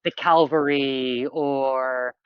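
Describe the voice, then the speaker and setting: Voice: mid-range voice, steady tone, extremely slow, clear, resonant tone, no room sound. Chatty gm explaining stuff over a dull stream mic, lots of likes and uhs. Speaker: game master. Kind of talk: running a tabletop game on stream.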